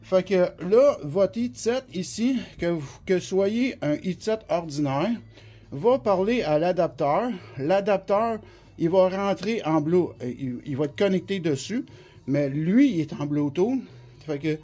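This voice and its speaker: His voice is high, warm and expressive, the pace a little slow, the accent Québécois French. Recorded on a phone in his own hand, the CB radio specialist demonstrates a product in an informal, step-by-step way, often repeating himself, while the flu makes him cough from time to time.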